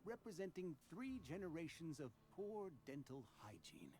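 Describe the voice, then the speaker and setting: A man's voice: fairly high pitch, huge pitch swings, normal speed, a little mellow, faint music behind. An actor playing a pompous, wordy, scheming company man in a video game, with formal, long-winded speech. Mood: suspicious, sneering. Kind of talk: video game character dialogue.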